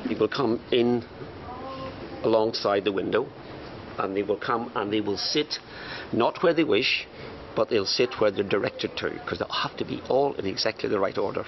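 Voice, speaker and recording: A man, a college director, explaining a ceremony step by step in a deliberate way. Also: fairly low pitch, creaky. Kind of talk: interview explanation. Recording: muffled with background noise.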